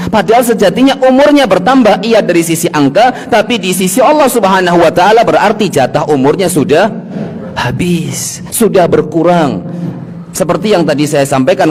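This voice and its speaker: A man's voice: on the high side, darkish tone, in a large hall. A man in his late twenties with a Javanese accent, preaching a sermon to a live congregation, drawing out his words and joking with the audience. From Indonesia. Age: 20s. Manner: slow, drawn-out emphasis, rising sharply on Arabic quotations; jokes with the audience.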